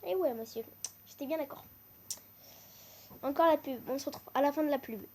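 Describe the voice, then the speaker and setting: With a high-pitched, fairly quick voice and a little hiss or hum in the audio, a female gaming host reads would-you-rather choices casually, shouting excitedly and repeating a teasing catchphrase.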